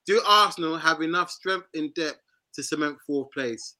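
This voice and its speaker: High, bright London roadman host. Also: moderate pace. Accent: London, urban street slang. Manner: slangy, repeats and cuts in. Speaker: football fan show host. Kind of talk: casual banter and football chat.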